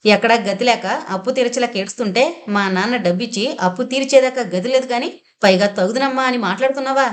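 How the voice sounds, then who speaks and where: A woman's voice: on the high side, fast, pitched above the performer's own voice, close to an everyday voice. Woman doing a snide scheming sister-in-law, rude, mocking, audio drama. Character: scheming sharp-tongued young sister-in-law Vimala.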